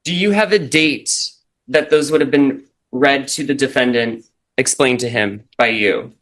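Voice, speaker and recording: A man's voice: medium pitch, a bit bright. Formal man prosecutor reading charges in court, courtroom recording. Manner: formal, measured legal phrasing.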